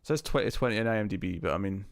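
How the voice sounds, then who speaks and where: A man hosting a casual live stream, chatting to viewers and thinking aloud, his voice heavily compressed to an even level on a close mic. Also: on the low side, racing, no echo.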